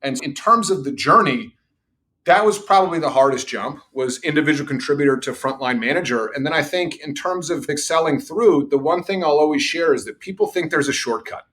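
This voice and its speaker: In an animated, somewhat high voice and at a fairly quick pace, this middle-aged revenue executive confidently relates anecdotes from his sales career during a podcast interview. He also says his voice is loud.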